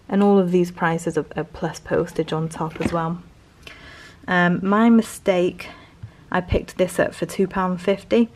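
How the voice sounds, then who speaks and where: A British woman with a fairly low voice talks through a haul in a casual vlog style. Her delivery is hesitant and rambling, like an informal reseller commentary. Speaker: reseller vlogger.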